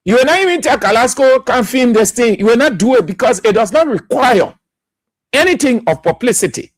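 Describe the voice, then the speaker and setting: Liberian male talk radio host, high animated delivery, dry studio sound, hammers key words. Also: a little fast, dry recording. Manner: emphatic, repeats key words for stress. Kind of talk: political commentary.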